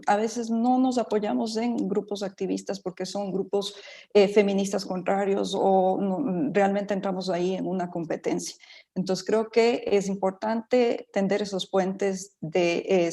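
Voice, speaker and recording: A woman's voice: medium pitch, dark tone. A middle-aged woman from Ecuador speaking as a panelist in an online talk, thoughtful, with many fillers and restarts.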